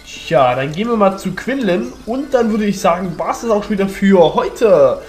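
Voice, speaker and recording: A man's voice: high-pitched, lively intonation, normal speed, faint music behind. A man hosting a let's play with casual commentary, thinking aloud in fragments.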